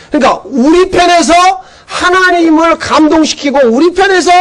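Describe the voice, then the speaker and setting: A man's voice: extremely high pitch, low-quality recording. A man pastor preaching a sermon, emphatic and full of rhetorical questions, telling stories to make his point.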